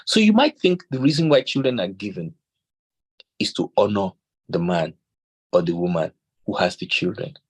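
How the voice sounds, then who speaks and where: A man's voice: sits low, normal speed, long pauses, slightly rough. A Nigerian man giving a talk on parenting, telling stories, quoting scripture and acting out the dialogue. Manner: animated storyteller acting out quoted dialogue. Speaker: speaker on parenting.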